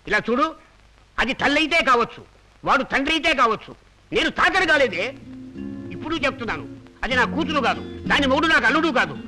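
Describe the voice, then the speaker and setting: A man's voice: extremely high pitch, expressive, fast talker, long pauses, sharp tone, soft background music, exaggerated voice, rough recording. An actor playing a proud, stern older father in a dubbed film drama, speaking emphatically.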